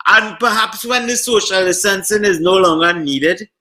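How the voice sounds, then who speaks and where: A Trinidadian man speaking as a guest on a talk show, earnest and heartfelt, sometimes halting over his words. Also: high-pitched, pushed and bright. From Trinidad and Tobago. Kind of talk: casual political chat.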